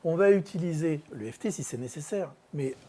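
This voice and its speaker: An EFT practitioner and trainer speaking in a workshop, relaxed and full of pauses, recounting a case and acting out dialogue with a child. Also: medium pitch, slight background noise. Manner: storytelling, acts out dialogue with a child; relaxed, many fillers and pauses. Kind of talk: workshop talk with an anecdote.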